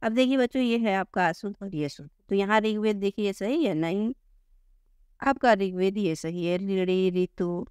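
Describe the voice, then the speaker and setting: A woman teacher explains Hindi grammar to school students, repeating each example word and calling her listeners children. Her voice is smooth and clear, at a middle pitch. The recording is dry and close, with no room echo. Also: normal speed, darkish tone. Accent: Hindi, north Indian. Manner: addresses students as children, repeats words for emphasis.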